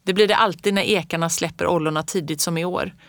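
A calm, folksy old countryman who talks about omens and weather in an easy, unhurried way, as a woman reader voices him. The voice sits fairly low and sounds dry and close, like a storybook read at home. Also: dry recording.

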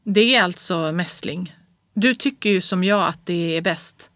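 A reader doing an uneasy professor and husband who stumbles and trails off as he speaks. The voice sits mid-pitch, read close and dry as an audiobook of old prose. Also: a bit bright, dry recording, close to an everyday voice. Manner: hesitant, halting speech. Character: anxious male professor, middle-aged husband. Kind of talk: audiobook reading of classic prose.

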